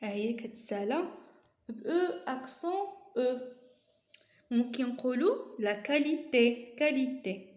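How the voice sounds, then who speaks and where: Woman teacher, Moroccan accent, patient step-by-step explainer, fairly high voice, roomy echo. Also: expressive, normal speed, long pauses, a little mellow. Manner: explains step by step, repeating key terms. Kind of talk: explaining a lesson.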